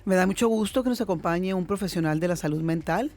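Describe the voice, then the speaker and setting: A woman's voice: lowish voice, fast talker, darkish tone. A woman, hosting an interview in a casual conversational way, with many fillers and restarts. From Mexico. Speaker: host.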